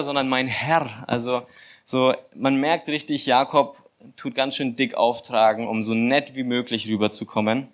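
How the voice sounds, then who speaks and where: A young man giving an informal sermon, telling a scripture story with filler words and lively, acted-out asides. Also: medium pitch. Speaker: church volunteer giving a sermon. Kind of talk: casual sermon.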